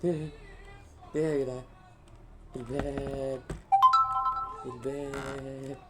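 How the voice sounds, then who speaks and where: A man's voice: mid-range voice, fast talker, dark tone, soft background music. A man with an Egyptian accent giving let's-play commentary on a horror game, full of jittery, nervous exclamations. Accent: Egyptian Arabic. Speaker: gaming YouTuber.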